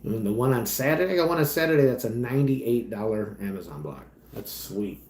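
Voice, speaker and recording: A man hosting a casual livestream, rambling as he reads chat comments and trails off quietly at the ends of his thoughts. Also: mid-range voice, lively intonation, fairly quick, slight background noise. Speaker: livestream host and delivery driver. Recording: echoey room.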